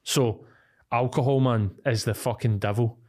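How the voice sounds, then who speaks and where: A man's voice: medium pitch, fairly even intonation, moderate pace, darkish tone. A man with a Glaswegian accent chatting casually as a podcast co-host, sweary and slangy, telling things bluntly and with animation. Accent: Glaswegian Scottish.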